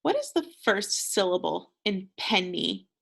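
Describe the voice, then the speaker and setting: An American woman teaching a slow, clear phonics lesson to young children, patient and encouraging, pausing for answers. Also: mid-range voice, sing-song, fairly bright tone. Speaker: second grade teacher.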